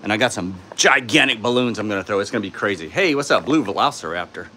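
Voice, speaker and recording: A man with a sore throat hosting a casual live stream, answering chat in a tired, low-key way from his home studio on a phone. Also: lively intonation, fast talker, pushed and bright, slight background noise. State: sore throat, speaking softly.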